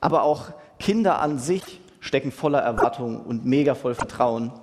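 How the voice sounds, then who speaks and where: A man's voice: mid-range voice, expressive, moderate pace, a little mellow, a little hiss or hum. A young man preaching a sermon in a casual, youthful way, using slang words and asking his listeners "right?" again and again. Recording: long hall reverb.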